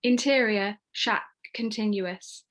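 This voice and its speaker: A woman with a mid-range voice reads screenplay stage directions aloud at a slow pace. She serves as both the stage-direction reader and host in this scripted narration.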